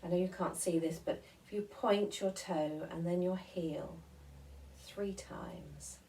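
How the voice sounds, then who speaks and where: Slow, low-voiced woman guiding relaxation. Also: steady tone, distant mic, a little hiss or hum. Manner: gentle, soothing, unhurried instruction with pauses. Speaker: guided relaxation and devotional movement leader.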